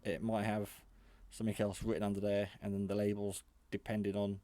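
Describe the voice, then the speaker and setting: Recorded dry in a garage, a man with a lowish, dark voice gives a casual product demonstration in the manner of a hobbyist reviewer. His delivery is completely flat and a little fast, matter-of-fact yet slightly hesitant as he rambles between points.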